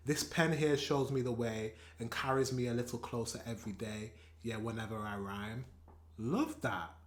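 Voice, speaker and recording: A man from England with a British accent, reacting to a song in a casual, excitable way and swearing and laughing often. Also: medium pitch, roomy sound. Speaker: reaction video host. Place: room at home with a shelf behind him.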